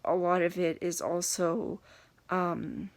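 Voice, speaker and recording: A young woman giving an unscripted talk to camera, halting and hesitant, with many pauses and fillers. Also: lowish voice, creaky. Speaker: video blogger reviewing a book.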